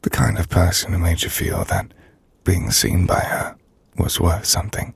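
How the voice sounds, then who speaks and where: With an exaggerated, sing-song voice in a dry recording, a man plays a gentle, sorrowful half-vampire nobleman for an intimate ASMR monologue. He speaks low, gravelly and breathy, hushed and slow, in formal, measured phrases, his tone fond and wistful.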